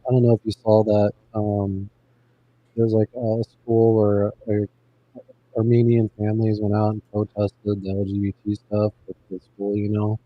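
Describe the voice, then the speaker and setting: Man sounding muffled and underwater, low voice. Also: level tone, moderate pace. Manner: loose, profane, rambling talk. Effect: muffled, underwater-sounding voice from a bad internet connection. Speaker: podcast co-host. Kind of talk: casual chat. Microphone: remote call over the internet.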